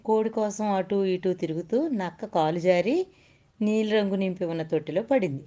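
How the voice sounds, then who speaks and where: A woman narrating children's stories in a slow, clear storybook manner. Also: medium pitch, warm tone.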